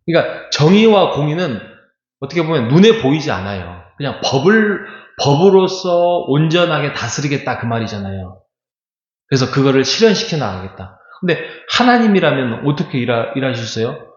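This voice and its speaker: A middle-aged pastor preaches a sermon in a medium-pitched, sing-song voice at a moderate pace, talking conversationally and posing rhetorical questions to the congregation. It was recorded in a church sanctuary with echoey, dull lo-fi sound.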